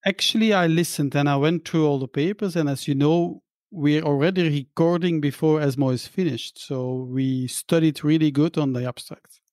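A man speaks English as his second language as a podcast guest. His answers are plain and matter-of-fact, in a fairly high voice with a dry, close sound. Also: normal speed, darkish tone, dry recording. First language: not English. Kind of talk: casual chat.

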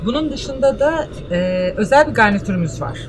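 A woman in her forties who owns the cafe explains her dishes with easy confidence, her hands moving as she talks. She speaks at a middle pitch for a woman. Clear outdoor noise sits under her voice. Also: expressive, moderate pace. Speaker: cafe owner. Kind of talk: interview answers.

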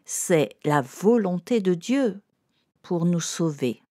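A woman narrates a children's lesson at an unhurried pace, her fairly low voice expressive and warm. She talks straight to a young listener, teaching in plain, simple terms. The sound is close and dry, with no room sound at all.

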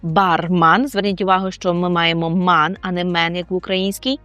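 A woman with a Ukrainian accent teaching Polish phrases, slowly repeating each model phrase. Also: fairly low pitch, little pitch movement, fairly bright tone, clear, resonant tone, no room sound, soft background music. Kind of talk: explaining Polish phrases with examples.

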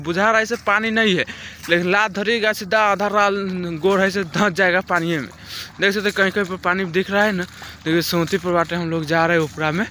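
A young man films a casual vlog on a phone held at arm's length, chatting as he walks through a foggy village field. His voice is a little high, bright and forward, with faint outdoor noise underneath.

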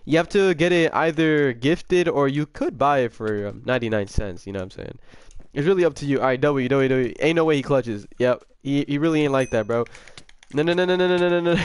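A young man chatting casually with viewers during a gaming livestream, excitable, repeating himself and full of slang, his voice a bit sick. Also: medium pitch, smooth. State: slightly sick voice.

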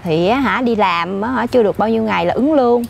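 An actress playing a gossipy office worker, speaking with a Southern Vietnamese accent and a complaining manner. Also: female voice, a little high, quick pace, vocal fry, a little hiss or hum. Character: gossipy middle-aged woman office worker. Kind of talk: comedy sketch acting. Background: faint background music.

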